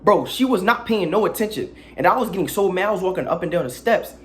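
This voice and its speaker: A man's voice: high-pitched, expressive, fast talker, slight background noise. A young man telling a crude, slangy story in a casual storytime vlog, with dramatic asides.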